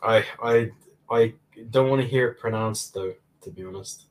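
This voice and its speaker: A man's voice: on the low side, moderate pace. A man who is a guest on a casual livestream chat over a video call, speaking with dry, teasing humor.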